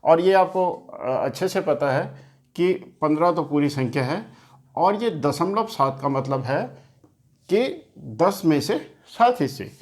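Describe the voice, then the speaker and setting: A man's voice: on the high side, expressive, takes it slowly, darkish tone. A man teaching children maths, explaining patiently step by step and often repeating himself while writing on a board. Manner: repeats and rephrases key points. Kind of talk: classroom lesson for children. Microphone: talking while writing on a board.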